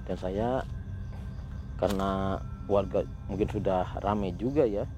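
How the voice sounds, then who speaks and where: A man hosting a ghost-hunting vlog outdoors near a village, talking in a hushed voice to his companion and muttering Islamic prayers. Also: low voice, steady tone, a little slow, background noise. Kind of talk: hushed on-location narration.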